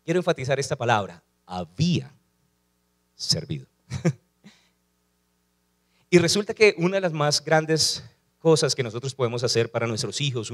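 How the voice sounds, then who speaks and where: Man preaching a lively sermon. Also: mid-range voice. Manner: preaching with rhetorical questions, asking the congregation to repeat lines. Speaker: pastor.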